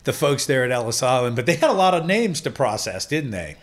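Male podcast host born in Denmark, mid-pitched, casual and chatty with lots of ums. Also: very animated, a little fast. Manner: chatty, many fillers and restarts. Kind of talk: casual interview chat.

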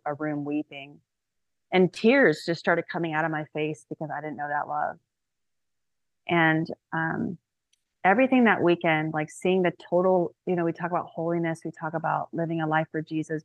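A woman in her thirties, a guest speaker telling her personal faith story on a podcast, chatty and animated, with many fillers. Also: low voice, dry recording, narrow, tinny audio.

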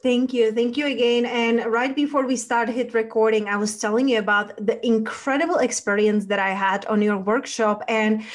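A woman's voice: a little high, steady tone, normal speed, few pauses. A woman hosting a podcast interview, speaking in an effusive, affirming way to her guest. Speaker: podcast host.

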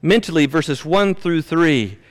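A man's voice: a little high, animated, a little slow. A man preaching a sermon as pastor, earnestly putting rhetorical questions to his congregation. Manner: reads scripture aloud with rising emotional emphasis.

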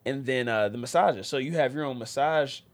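A male podcast host talks in a casual, friendly way. His mid-pitched voice is noticeably nasal, congested as if by allergies. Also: brisk. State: stuffed up from allergies.

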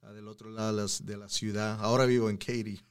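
A man's voice: fairly low pitch, flat delivery, fast talker, smooth. A man in his thirties from Houston, Texas, a podcast guest talking casually in Spanish and dropping in English words. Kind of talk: casual interview chat.

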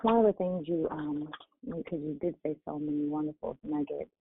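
Low-voiced woman, muffled earbud phone audio. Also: moderate pace, creaky, very noisy. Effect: muffled, dull sound through earbuds on a phone line. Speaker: caller on a prayer line. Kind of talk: casual testimony. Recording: muffled tinny phone line.

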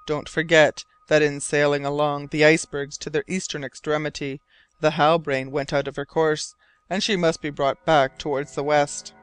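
A man's voice: on the high side, level tone, normal speed, fairly bright tone, clear, resonant tone, no room sound, natural voice. A man voicing a stern, determined male sea captain who speaks in a grave, earnest way.

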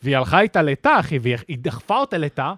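A man's voice: fairly high pitch, very animated, a bit bright, no echo. A man co-hosting a podcast in a recording studio, telling a story with lots of fillers and slang. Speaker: podcast co-host. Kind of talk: casual chat.

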